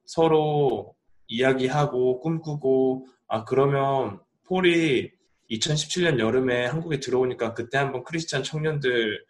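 Male podcast guest from South Korea, young adult, medium pitch, casual interview talk. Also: unhurried. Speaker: podcast guest, life coach and author.

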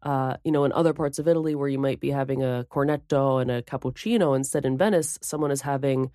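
A woman guest on a casual podcast conversation, telling lively stories with vivid food details and laughing easily. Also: extremely low pitch, fast, dry recording, studio quality.

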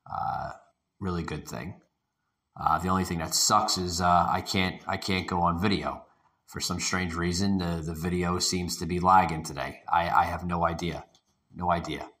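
A very deep-voiced man hosts his podcast from an echoey spare room, and his voice echoes around it. He rambles, repeats himself and swears casually as he rants. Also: fairly even intonation, normal speed, fairly bright tone. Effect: echoing room sound. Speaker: podcast host. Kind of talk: casual ranting podcast monologue. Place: echoey room not normally used for podcasting. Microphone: home podcast setup over internet connection.

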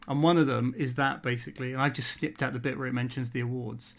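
A man's voice: mid-range voice, fairly even intonation, fast, vocal fry. A man, a podcast host chatting casually and rambling, laughing often as he talks.

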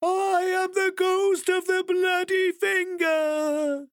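A man voicing a creepy ghost of a bloody finger, wailing slowly and drawn out. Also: extremely high pitch, flat delivery, no echo, clean studio sound, voice pushed up, full character voice. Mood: eerie.

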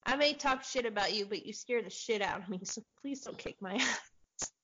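A woman co-hosting a casual podcast chat, joking excitably and swearing freely. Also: medium pitch, normal speed, crowd noise. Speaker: podcast co-host. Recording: dull, lo-fi audio.

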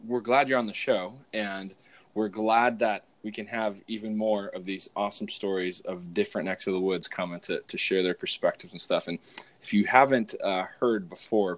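An American man from the West Coast hosting a podcast in a casual, joking, conversational style. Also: deep voice. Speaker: podcast host. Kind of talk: casual joking interview chat.

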